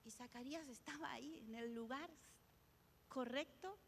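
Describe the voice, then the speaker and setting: Woman pastor preaching, high voice, big echoey hall, repeats herself for emphasis. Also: normal speed, a little hiss or hum. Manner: emphatic, repeats key phrases, many restarts. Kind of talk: sermon.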